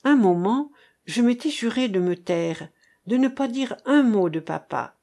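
A woman reading a novel aloud in a measured, unhurried way. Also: a little high, animated, vocal fry, mellow. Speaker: audiobook reader. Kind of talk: read literary narration.

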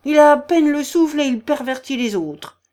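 A woman reading an audiobook, voicing a domineering older noblewoman who scolds in shrill outbursts. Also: animated, normal speed, darkish tone. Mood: furious. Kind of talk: audiobook character voice.

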